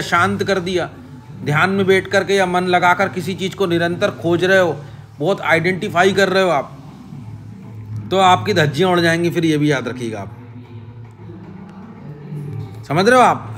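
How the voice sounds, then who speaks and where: A man with a somewhat high voice talks straight to the listener about horoscopes, stacking short repeated phrases into lists and checking in often. Faint music sits behind him. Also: fairly bright tone. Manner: repetitive, direct address to viewer with frequent "ठीक है?"; listing advice in short chanted phrases. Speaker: astrology channel host. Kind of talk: casual astrology explainer.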